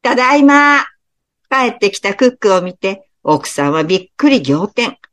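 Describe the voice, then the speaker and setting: A woman reading a children's story aloud with expressive character voices. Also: mid-range voice, normal speed.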